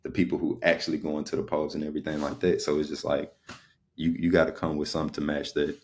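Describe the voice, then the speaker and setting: A man's voice: rumbling low, little pitch movement, quick pace, slight background noise. A man co-hosting a podcast in a loose, rambling casual chat, full of fillers. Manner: loose, rambling, lots of "you know what I'm saying". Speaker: podcast co-host.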